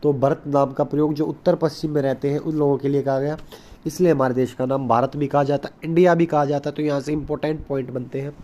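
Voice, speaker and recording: A man with a somewhat high-pitched voice gives a recorded school lesson. He explains patiently and step by step, stops often to stress the important points, and slips English terms into his Hindi. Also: steady tone, quick pace, warm tone. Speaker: teacher.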